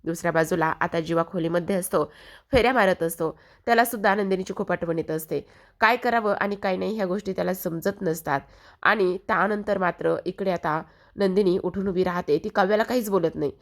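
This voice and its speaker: A woman's voice: fairly low pitch, brisk. A woman retelling a TV serial episode in a chatty manner, speaking directly to her viewers. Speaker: TV serial recap narrator.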